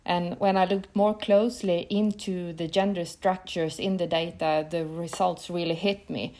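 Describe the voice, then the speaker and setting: A Swedish native speaker in her fifties from northern Sweden appears as a guest professor of entrepreneurship in a podcast interview. Her lowish, slightly mellow voice has a flat delivery at a moderate pace. She answers carefully and earnestly, with slightly non-native phrasing.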